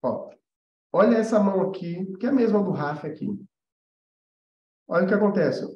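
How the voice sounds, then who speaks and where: This Brazilian man teaches animation in a live, informal class, his high-pitched voice animated and at normal speed. He repeats the important points, checks that people are following, and stays conversational and emphatic. The recording is echoey and a bit dull.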